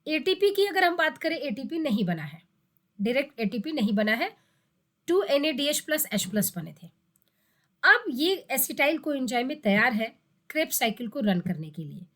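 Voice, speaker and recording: In this exam-prep biology lecture, a woman speaks at normal speed in a high, fairly bright voice with big pitch swings. Teaching step by step, she stresses terms through repetition and answers her own questions.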